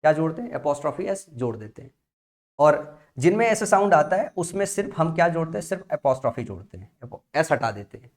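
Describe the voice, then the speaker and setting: A man's voice: a little high, big pitch swings, fast. A man teaching English grammar in a classroom-style lesson, repeating key points and asking and answering his own questions.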